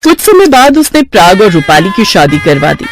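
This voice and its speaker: A woman's voice: medium pitch, sing-song, moderate pace, soft background music. A woman narrating a moral story in a scripted storybook style, voicing the characters expressively.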